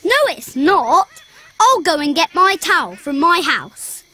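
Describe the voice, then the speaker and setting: Raa Raa, a tiny lion cub. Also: female voice, very high voice, big pitch swings, measured pace, bright, forceful tone, exaggerated voice. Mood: sheepish. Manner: bouncy, sing-song, giggly. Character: cheerful little male lion cub, eager and forgetful. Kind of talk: preschool cartoon voice acting. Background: cartoon music.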